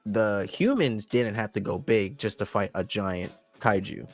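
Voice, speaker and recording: A man's voice: fairly low pitch, a little slow, faint music behind. A man co-hosting an anime podcast, talking in a loose, rambling way with lots of restarts and fillers. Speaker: podcast co-host. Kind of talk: casual chat.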